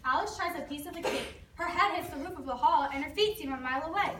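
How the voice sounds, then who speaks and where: A woman with a high, fast, and slightly bright voice reads scripted narration in an amateur readers theater performance. The room is echoey, the mic distant, and the noise clearly audible.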